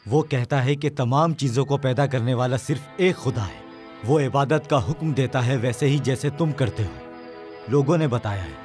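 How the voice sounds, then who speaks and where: A man voices an earnest young man who calmly tells what he has heard. He speaks in a plain, explanatory way. Faint music plays under him. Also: medium pitch, normal speed, natural voice. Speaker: young man reporting news of a prophet. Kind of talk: Urdu dubbed film acting.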